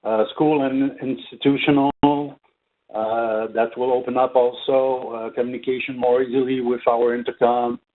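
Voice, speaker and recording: His pitch barely moves: a mid-pitched man presenting a product for his company in an unscripted webinar, hesitant and full of ums. The sound is thin and narrow, like a phone line.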